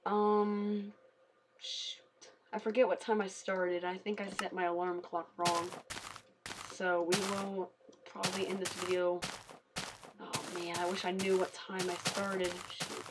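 A woman's voice: mid-range voice, level tone, unhurried. Tired woman gaming, noisy recording. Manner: chatty, exclaiming, swears freely. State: tired, talking quietly. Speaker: let's play gamer. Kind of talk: casual gameplay commentary.

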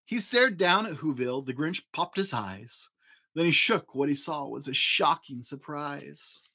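Animated man reading a storybook. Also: fairly high pitch, a little slow, breathy edge. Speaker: children's story reader. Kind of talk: expressive storybook narration in rhyme. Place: small home room, indoors.

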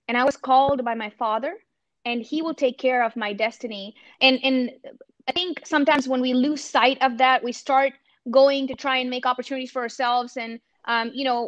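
A woman from India with an Indian accent and a high voice speaks earnestly and thoughtfully in a reflective panel talk, as a campus ministry missionary. She often restarts her sentences. She's on a video call through a laptop webcam from a room at home, and there's no room sound.

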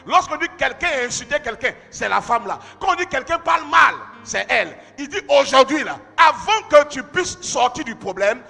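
A man preaching in a church hall, his voice very high and bright, cutting through. He swings between shouted emphasis and hushed asides, and the long reverb of the hall trails every line over a faint bed of music. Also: sing-song, moderate pace, creaky, few pauses. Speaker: pastor. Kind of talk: sermon.

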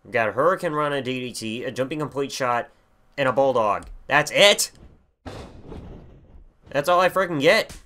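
A young man commentating a wrestling video game as he plays, excitable and full of profanity. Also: medium pitch, normal speed, pauses often. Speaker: gaming channel host. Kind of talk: let's play commentary.

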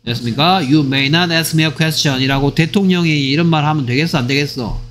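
A man teaching English grammar in a lively, teasing way, often checking whether students follow. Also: fairly high pitch, moderate pace, faint music behind. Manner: acts out short skits in other voices. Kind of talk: online grammar lecture.

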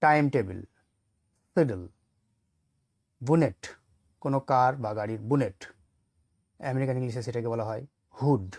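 A man teaching English vocabulary, patiently listing word pairs in a steady rhythm. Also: medium pitch, measured pace, long pauses, dry recording, studio quality. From Bengal. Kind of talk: vocabulary lesson for learners.

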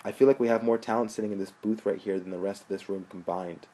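A man's voice: lowish voice, fairly even intonation, quick pace, mellow, close to an everyday voice. A man voicing an earnest young filmmaker who speaks sincerely to his friends.

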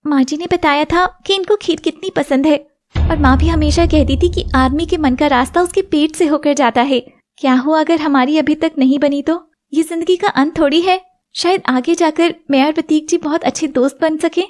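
Female actor as a meek, pleading young wife, very high voice. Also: moderate pace, lightly acted. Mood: hopeful. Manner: soft, pleading, tearful. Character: long-suffering young wife. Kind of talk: animated serial voice acting.

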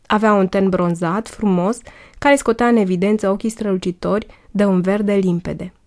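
A woman reading a first-person story aloud in a lively, wry way. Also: medium pitch. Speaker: audiobook narrator.

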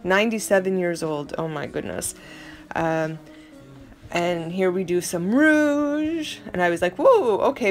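A middle-aged woman giving a casual, rambling voice-over of her art process, chatty and self-admittedly dramatic. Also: fairly low pitch. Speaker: art vlogger.

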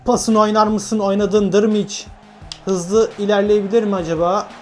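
A young man from Turkey giving lively, self-talking commentary while playing a football video game, urging on his players. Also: high-pitched, a little slow, soft background music. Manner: animated, talks to himself and his players, frequent laughs. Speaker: gaming YouTuber. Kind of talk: excited gameplay commentary.

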